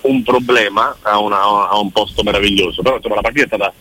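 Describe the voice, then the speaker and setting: A man's voice: lowish voice, fairly even intonation, fast talker, pushed and bright, low-quality recording. A man giving casual on-air sports analysis in a discursive, opinionated way. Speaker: sports commentator.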